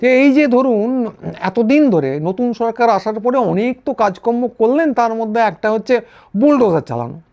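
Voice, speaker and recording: A man giving a sarcastic political commentary, pausing and restarting often. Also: very high-pitched, animated, a little mellow. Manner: wry, sarcastic, with frequent hesitations and restarts. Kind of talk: casual political commentary monologue. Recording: dull, lo-fi recording.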